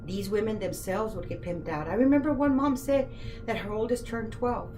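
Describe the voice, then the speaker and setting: A woman's voice: medium pitch, normal speed, warm tone, a little hiss or hum, poor audio. A woman speaking earnestly to camera about her work, impassioned and emotional, often asking listeners direct questions. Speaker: author and former detention center worker.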